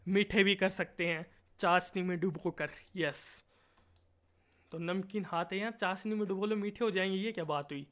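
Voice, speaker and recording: A man's voice: sits high, sharp tone, clear, resonant tone. A man giving silly, comic gameplay commentary, chanting rhymes and repeated words and scolding the game playfully.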